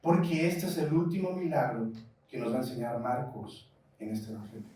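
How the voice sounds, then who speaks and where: Mexican pastor preaching in an echoey hall. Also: male voice, medium pitch, moderate pace. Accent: Mexican Spanish. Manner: lively preaching, asks the congregation questions. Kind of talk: sermon. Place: church hall. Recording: echoey church hall, mic at a distance.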